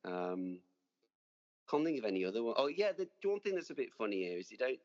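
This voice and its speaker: A man's voice: mid-range voice, sing-song, fast talker, darkish tone, long reverb tail, highs cut off. A man, a dentist being interviewed, talking in a chatty, rambling way with many restarts. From English Midlands. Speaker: dentist guest. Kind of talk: casual interview.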